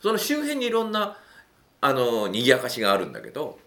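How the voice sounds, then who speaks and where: A man talking through dating advice in a casual monologue, animated and acting out little quotes, with a self-affirming "un" between points. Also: brisk. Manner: animated, swoops widely in pitch, acts out quotes.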